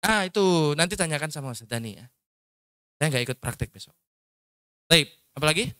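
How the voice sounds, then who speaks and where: A man's voice: fairly high pitch, lively intonation, brisk, bright, forceful tone, dry recording, studio quality. Casual male workshop lecturer. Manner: explanatory, casual, demonstrates tones with his voice. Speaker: Islamic preacher teaching public speaking. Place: training session at an Islamic school.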